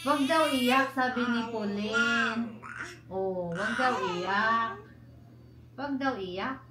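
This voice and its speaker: A woman's voice: on the high side, very slow. A woman in her thirties, a home vlogger, cooing at babies in a sing-song baby-talk voice. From Philippines. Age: 30s. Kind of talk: casual home vlog, talking to babies. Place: family home, indoors. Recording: echoey room, faint noise.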